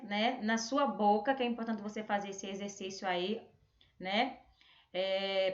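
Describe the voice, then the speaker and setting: A Brazilian woman teaching a remote lesson, drawing out words slowly to show stressed syllables. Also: on the high side, fairly bright tone. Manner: slow, drawn-out word modelling with stressed syllables. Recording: echoey room, dull lo-fi sound.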